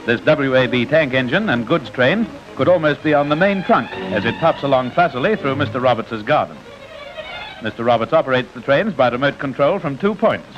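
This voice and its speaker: A man narrating an old newsreel in a brisk, jaunty scripted manner with wry asides, heard as an old newsreel soundtrack. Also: mid-range voice, expressive. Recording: dull lo-fi old newsreel film sound with music.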